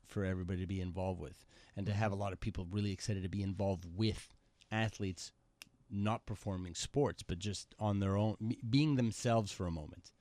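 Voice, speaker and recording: A man's voice: lowish voice, no echo. Rambling male radio host. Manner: rambling, animated questions. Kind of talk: casual interview talk. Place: radio studio. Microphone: studio mic.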